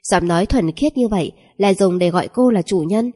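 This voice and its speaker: A woman narrating a romance novel aloud in a steady, even storytelling manner. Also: medium pitch, moderate pace, slightly rough.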